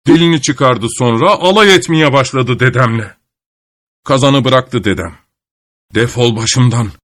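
A man narrating a folk tale aloud in a steady storytelling manner. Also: medium pitch, moderate pace, dry recording, studio quality.

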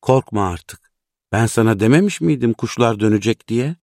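Man doing excitable poor porter, shouting happily, raised high, very dry close sound. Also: moderate pace, no room sound, close to an everyday voice. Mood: tender urging. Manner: shouting joyfully.

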